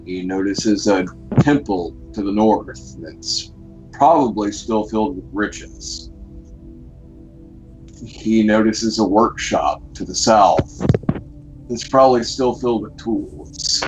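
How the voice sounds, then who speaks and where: A young man narrating a tabletop game as game master, slow and deliberate, excitable when joking with friends. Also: on the low side, over music, low-quality recording.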